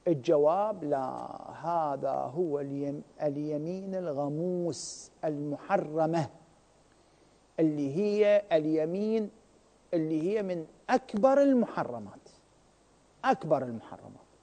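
A high-voiced man with an Iraqi Arabic accent delivers a religious talk on television, his pitch swinging widely. He acts out the words of ordinary people in lively dialogue and throws out rhetorical questions. The sound carries a long reverb. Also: unhurried, pauses often. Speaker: religious scholar.

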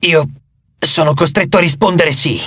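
A man voicing the weary ghost of a boy hero, speaking slowly in a dry, papery voice. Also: a little high, fairly bright tone, husky, dry recording. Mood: reluctant. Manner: slow, subdued delivery.

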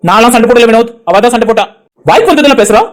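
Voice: mid-range voice, rapid-fire, lightly acted. A voice actor playing a stern, short-tempered elder brother and husband in a cartoon drama, commanding and scolding. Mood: firm.

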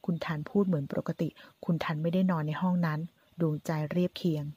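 A woman reads a drama novel aloud in a low, husky voice, moving between the narration and each character's lines. Her tone is dark and mellow throughout. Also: steady tone, a little fast. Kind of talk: audiobook narration with character dialogue.

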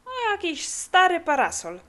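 A woman voicing a lazy, dreamy boy who talks slowly and sleepily. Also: extremely high pitch, huge pitch swings, fairly bright tone, voice pushed up, heavily acted. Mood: sleepy drawl.

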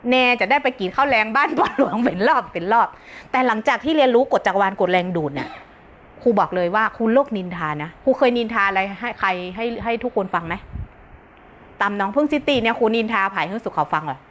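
A woman's voice: medium pitch, lively intonation, fast talker, a little hiss or hum. A woman teacher giving a brash, joking live-stream self-help talk, often breaking into laughter.

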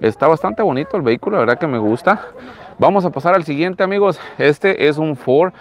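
A man's voice: on the high side, animated, fairly quick. A man in his thirties with a Latin American Spanish accent, hosting a casual live vlog in a chatty, repetitive way, talking outdoors into a handheld phone. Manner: chatty, repeats phrases. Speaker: live-stream host. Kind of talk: casual live vlog commentary, showing used cars. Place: outdoors in an open car lot. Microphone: handheld phone at arm's length.

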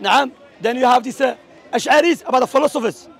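Man from Algeria, high gravelly voice, fast forceful street preaching, crowd murmur outdoors. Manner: forceful, mixing English with Arabic quotes. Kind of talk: street debate. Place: outdoors at a public speaking corner.

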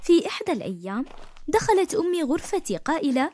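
A woman narrating a first-person story for an animated cartoon in an expressive, emotive way. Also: sits high, fast talker.

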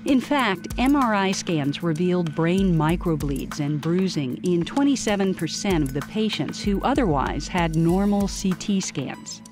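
A woman giving scripted documentary narration with a lively reading. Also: lowish voice, unhurried, few pauses, music in the background.

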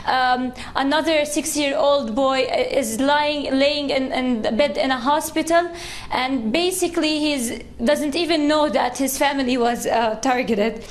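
A woman's voice: high-pitched, measured pace. A young woman reporting live as a TV news correspondent, tearful and close to crying. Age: young adult. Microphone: handheld reporter's microphone.

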